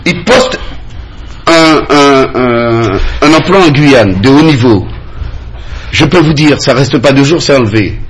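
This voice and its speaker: There's a breathy edge to this man's medium-pitched voice, and he sounds animated yet unhurried over poor audio. Debating as a candidate on a radio campaign broadcast from a studio, the French Guiana native hammers his points home through insistent repetition.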